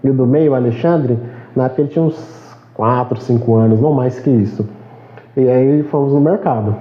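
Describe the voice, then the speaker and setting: A Brazilian man hosting a podcast, telling a relaxed, amused anecdote. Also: medium pitch, a little fast. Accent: Brazilian Portuguese. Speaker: podcast host. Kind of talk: casual interview chat. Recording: echoey room, muffled sound.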